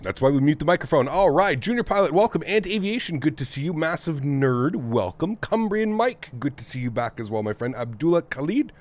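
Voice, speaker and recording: Streaming casually from his home flight sim rig, this North American man welcomes each viewer individually in a warm, upbeat way. The weather has left his throat congested and his voice nasal. He speaks at a fairly high pitch, very animated and a touch quick, barely pausing.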